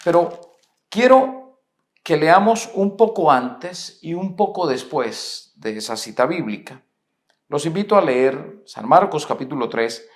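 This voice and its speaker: Un pastor colombiano predica un sermón con acento colombiano, con calma, haciendo preguntas retóricas y leyendo las Escrituras en voz alta. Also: male voice, fairly high pitch. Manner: measured preaching with rhetorical questions, reads scripture aloud. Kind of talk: sermon. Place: church. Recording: echoey church hall.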